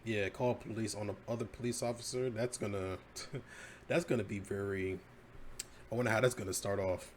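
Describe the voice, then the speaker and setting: A man's voice: fairly low pitch, fairly even intonation, normal speed, slight background noise. Casual man riffing on headlines. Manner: laid-back, swears and laughs at his own jokes. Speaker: podcast host. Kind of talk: casual commentary reading headlines.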